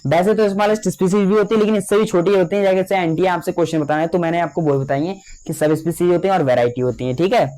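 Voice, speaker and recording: Higher-pitched man teaching biology, slow dictation. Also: warm tone. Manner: slow, drawn-out dictation of key terms; repeats fillers addressing students as children. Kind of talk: lecture.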